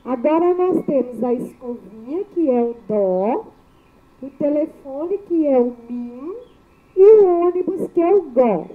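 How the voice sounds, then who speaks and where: A high-pitched woman teaches spelling to children, breaking words into syllables slowly and clearly with a sing-song, lively intonation. The sound is thin, as if coming through a phone.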